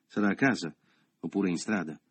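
A man reading an audiobook, voicing a brutal middle-aged man who barely holds back his fury and talks loudly and scornfully. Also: deep voice, moderate pace, husky. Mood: furious. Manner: forceful, loud, scornful. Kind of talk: audiobook character voice.

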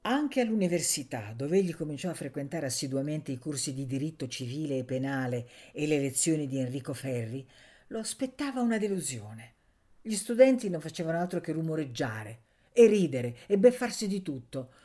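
A woman with a low, full voice reads a classic novel aloud for radio. Her delivery is measured and expressive, slowing down on key phrases. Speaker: audiobook reader. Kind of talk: literary reading for radio.

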